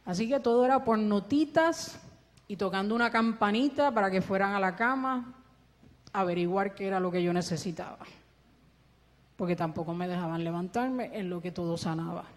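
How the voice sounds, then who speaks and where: At moderate pace and mid-range pitch, a Puerto Rican Spanish-accented woman relays an earnest testimony in a church hall, aided by a ventilator. She dramatizes the spoken exchanges of her story, and the recording carries a long hall echo.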